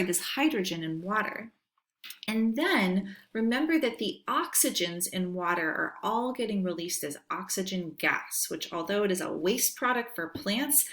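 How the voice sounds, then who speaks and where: A woman's voice: medium pitch, fairly bright tone. A woman teacher narrating a screen-recorded lecture over a computer microphone, explaining step by step and checking in with "right?".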